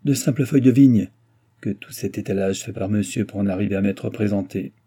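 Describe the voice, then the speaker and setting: A man's voice: lowish voice, a little fast, warm tone, slightly rough. A man voicing a proud, scornful young royal princess, disdainful and imperious, in an audiobook reading.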